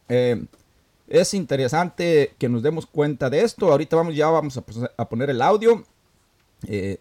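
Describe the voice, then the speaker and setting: A man's voice: mid-range voice, a little mellow. A man hosting a talk show, giving earnest advice in a casual, filler-laden way. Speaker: radio talk host.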